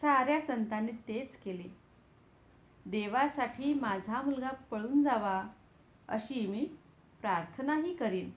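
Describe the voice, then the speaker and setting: A soft-spoken, loving mother, as a woman reader puts her on, unhurried and soothing in a slightly raised voice. The recording is roomy and a little dull in tone. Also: fairly high pitch, animated. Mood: tender. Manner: gentle, soothing, earnest counsel. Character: tender, loving village mother, adult woman.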